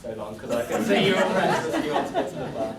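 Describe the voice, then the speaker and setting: A man's voice: high-pitched, wildly swooping pitch, quick pace, over a noisy crowd. A man giving a scripted wedding toast as best man, joking in a self-deprecating way. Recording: echoey room, distant mic, noisy venue.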